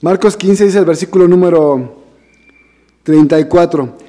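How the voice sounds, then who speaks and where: A man's voice: high-pitched, measured pace, dark tone, big-room sound. A man preaching a sermon to a congregation in a conversational way, often calling them brothers and asking them questions. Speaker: minister preaching. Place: church hall.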